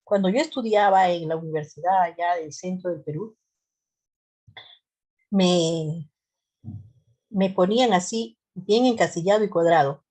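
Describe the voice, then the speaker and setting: A woman from the central highlands of Peru with an accent from that region, giving a conversational lecture as a health care trainer, with fillers and rhetorical questions. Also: a little slow, long pauses, a little mellow. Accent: Peruvian central highlands Spanish. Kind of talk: classroom lecture.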